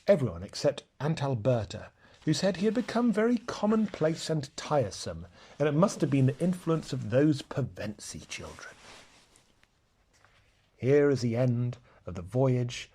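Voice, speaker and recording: Husky man reading a storybook aloud. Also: medium pitch. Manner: slow, expressive, soft-spoken. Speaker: narrator.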